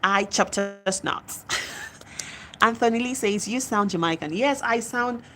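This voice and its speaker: A young adult woman with a Nigerian accent speaks at medium pitch and a slow pace. She chats casually on a live stream, reading out viewer comments and answering them while laughing often.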